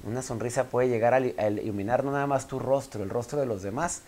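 A man with a Mexican accent, a talk-show guest telling stories in a playful, animated way. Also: medium pitch, quick pace. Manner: animated, playful, acts out scenes with laughs and shifts of voice. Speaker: guest speaker. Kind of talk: lively talk-show storytelling.

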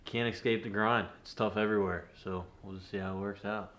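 A man's voice: lowish voice, steady tone, a little fast, a bit bright. A man telling how he got his boat through a tight backwater. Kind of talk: casual vlog narration. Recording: roomy echo.

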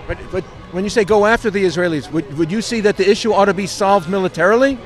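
High-voiced male interviewer, halting. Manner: halting, restarts mid-question. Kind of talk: street interview questions.

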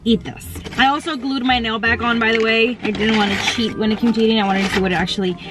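A woman's voice: on the high side, steady tone, quick pace, music in the background. Chatty young woman vlogging on the go. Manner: chatty, giggly, lots of "like". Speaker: beauty vlogger. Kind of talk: casual vlog chat. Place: in a car and out on errands.

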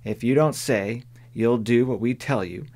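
A man voicing a bossy, self-important small boy in an audiobook, speaking in a low warning tone. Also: unhurried, a little mellow, natural voice. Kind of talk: audiobook character voice.

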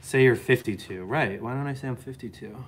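A man's voice: medium pitch, a little fast, a little hiss or hum. A man in his late thirties chatting casually on a home live stream, joking and reading viewer comments aloud. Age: late 30s. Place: bright living room at home. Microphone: phone camera close up.

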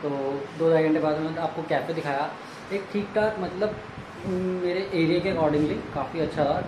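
Young vlogger man, a bit high-pitched, echoey, loud street noise. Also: moderate pace. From India. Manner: chatty, talks straight to camera with hand gestures. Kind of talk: casual travel vlog. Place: busy roadside outdoors in summer heat; small room at home. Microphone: phone camera at arm's length. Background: street traffic.

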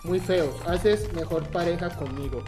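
A young man hosting a comedic reaction vlog, talking in an animated way, laughing often and shouting in surprise. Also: high-pitched, measured pace. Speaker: YouTuber. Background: background music.

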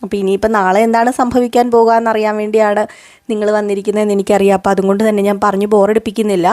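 A woman's voice: medium pitch, little pitch movement, racing, darkish tone. A woman who hosts a recap channel, retelling an episode of a TV serial in a chatty way and talking straight to her viewers. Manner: storyteller, talks straight to viewers with asides.

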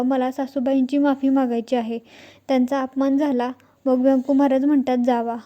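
A woman with a high but mellow voice tells a TV serial's episode as a recap. She keeps her delivery level and steady, reading the characters' lines without changing her voice. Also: lo-fi sound. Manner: reads out character dialogue in her own plain voice. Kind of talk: scripted plot recap narration.

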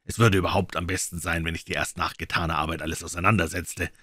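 A man voicing a calm, composed detective. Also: low-pitched, fast, no room sound, clean studio sound. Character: calm, sharp-witted male detective, composed. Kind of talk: audiobook reading.

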